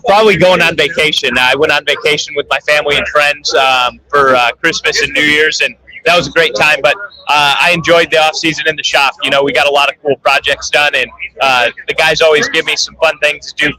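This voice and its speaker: A man, a racing driver, answering interview questions in a relaxed way with many fillers. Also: on the high side, a little fast, low-quality recording. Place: crowded fan event. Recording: loud crowd behind.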